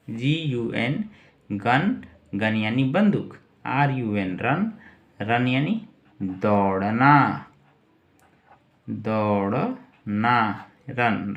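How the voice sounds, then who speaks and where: Guy slowly spelling out english words in hindi, repeats everything, keeps saying theek hai. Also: mid-range voice, muffled recording. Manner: keeps checking in with "ठीक है". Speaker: English teacher. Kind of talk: spelling and vocabulary lesson.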